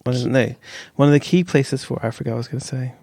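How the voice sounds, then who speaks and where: A man's voice: mid-range voice, fairly even intonation, fast, vocal fry, darkish tone, no echo, clean studio sound. A man co-hosting a podcast in casual chat, rambling and losing his train of thought, sounding drowsy. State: drowsy from a warm stuffy room. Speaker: podcast co-host.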